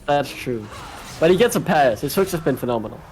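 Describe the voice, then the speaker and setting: A man with a Danish accent casting an esports match, excitable and jokey, shouting at big plays. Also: on the high side, brisk, faint music behind. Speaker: esports caster. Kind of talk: play-by-play commentary.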